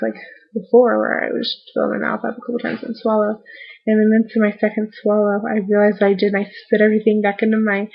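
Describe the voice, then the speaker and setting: Casting: woman vlogger, worn out post-surgery, flat and croaky, halting casual update, slightly dull home-recorded sound. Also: mid-range voice. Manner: halting, trailing off mid-thought. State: tired and sore after recent surgery. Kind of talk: casual rambling video diary.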